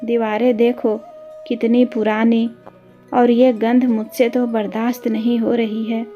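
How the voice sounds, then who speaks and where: A woman's voice: a little high, level tone, a little slow, dull audio, faint music behind, natural voice. A woman voicing a snobbish young city wife who speaks in a cold, sneering, dismissive way. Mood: cold, disdainful.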